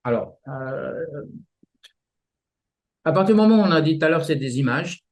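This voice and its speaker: A man explaining martial arts practice in a relaxed interview, often restarting his sentences and using images. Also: a little high, moderate pace. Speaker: martial arts teacher, guest.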